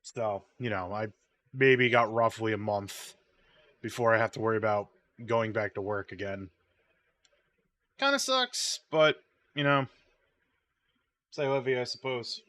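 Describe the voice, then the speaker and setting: A man's voice: lowish voice, measured pace, pauses often, a bit bright, no room sound. A man chatting casually while streaming a game, sleepy and rambling, humming idly while he waits. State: sleepy, yawning. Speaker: gaming streamer.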